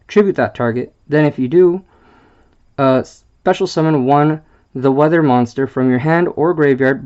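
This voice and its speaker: A man presenting a card game deck, reading the card text aloud in a halting way, stumbling over wordings and filling gaps with "uh". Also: medium pitch, darkish tone, highs cut off.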